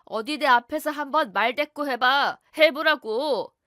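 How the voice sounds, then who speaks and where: A woman's voice: sits high, unhurried, pushed and bright, dry recording, clean studio sound. Woman doing a menacing abusive husband. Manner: threatening, then smooth and apologetic. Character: abusive bullying young husband, male, menacing then fake-polite.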